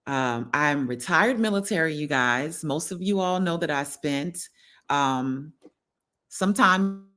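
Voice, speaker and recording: Speaking to her livestream audience, a middle-aged wellness host from New Orleans uses a low, expressive voice, a slow pace and a sharp tone. She keeps things casual, talking straight to viewers and often asking if they agree.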